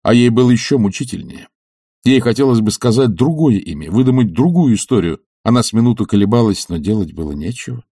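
A man narrating a classic novel as an audiobook in a measured, expressive reading. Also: mid-range voice, husky, dry recording, studio quality.

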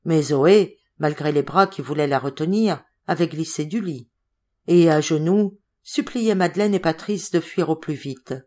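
A woman narrating a novel in a measured, dramatic reading. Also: sits low, darkish tone. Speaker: audiobook narrator. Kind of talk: scripted literary narration.

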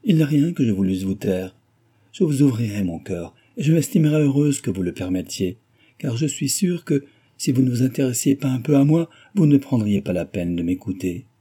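A man's voice: medium pitch, moderate pace, warm tone, husky, voice pushed up, lightly acted. A man voicing an earnest, adoring young woman of modest rank who speaks effusively, in a novel reading. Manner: effusive, eager.

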